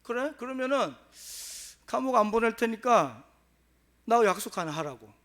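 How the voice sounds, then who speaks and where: A stern, no-nonsense wife of a village official, acted out by a male preacher, handing down conditions with a scolding edge. The voice runs fairly high and moves a lot. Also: expressive, moderate pace, a bit bright. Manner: scolding, laying down terms.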